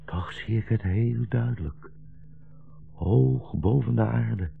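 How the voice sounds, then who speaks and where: In a 1960s radio drama, an older actor plays a dying, visionary blind rabbi, heavily acted with an awed, dying mood. His low, gravelly voice moves slowly with gentle, fatherly solemnity, over faint music on an old, muffled, narrow broadcast recording.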